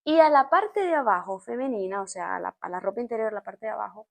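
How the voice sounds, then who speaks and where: A woman from Venezuela with a Venezuelan accent, chatting to camera in an expressive, explaining way, with laughs. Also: mid-range voice, fast, gravelly. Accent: Venezuelan Spanish. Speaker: vlogger. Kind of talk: casual storytime chat to camera.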